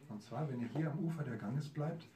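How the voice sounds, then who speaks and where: A man's voice: medium pitch, fairly quick, warm tone, pitched above the performer's own voice, natural voice. A man doing a stern divine lord. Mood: instructing. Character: stern, wrathful then merciful male divine lord. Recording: roomy hall, mic far, audience.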